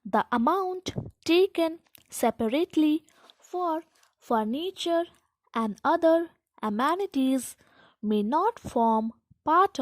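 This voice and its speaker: A woman giving slow school dictation, reading formal text aloud in short, deliberate phrases with pauses between them. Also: high-pitched, no echo. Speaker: dictation instructor.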